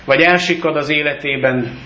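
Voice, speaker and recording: A male pastor giving a solemn, measured baptism sermon with scripture readings in a church. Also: a little high, bright, forceful tone, reverberant, muffled recording, slight background noise.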